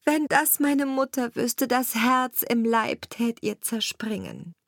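A woman reading the lament of a young princess forced to work as a goose girl, in a higher, plaintive voice. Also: slow pace, gravelly, no echo, studio quality.

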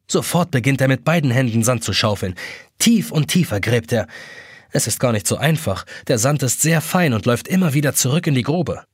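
A man reading a children's story aloud, animated narration that acts out the characters. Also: fairly high pitch, breathy edge, no echo, clean studio sound. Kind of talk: expressive scripted story narration.

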